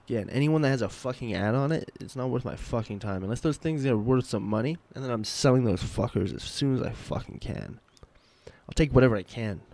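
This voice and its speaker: A man opening trading card packs and ranting angrily with constant profanity, swinging between loud outbursts and low muttering. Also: brisk. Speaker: card-opening channel host. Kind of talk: ranting booster pack opening.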